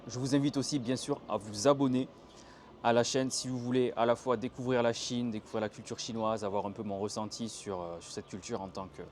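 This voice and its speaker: A man's voice: medium pitch, fairly quick, slight background noise. A young man from France teaching Mandarin tones in a casual, chatty outdoor video lesson, acting out the intonations he describes. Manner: chatty, animated demonstrations of intonation. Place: outdoors by a canal in a Chinese city. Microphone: handheld tripod camera.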